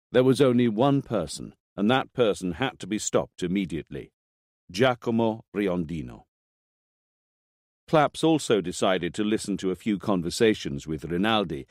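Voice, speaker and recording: A man reading a thriller audiobook as scripted narration, with expressive delivery. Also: low voice, no echo, studio quality.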